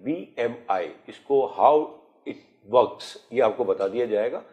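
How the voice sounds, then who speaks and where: A man's voice: medium pitch, slow pace, muffled recording. A man in his fifties hosting a studio health talk show, chatty and joking, slipping English phrases into his questions. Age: 50s.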